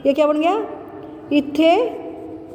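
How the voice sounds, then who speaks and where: A woman teacher giving a chemistry lesson, asking questions and answering them herself, repeating key terms slowly. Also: sits high, steady tone, darkish tone. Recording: roomy echo with long reverb.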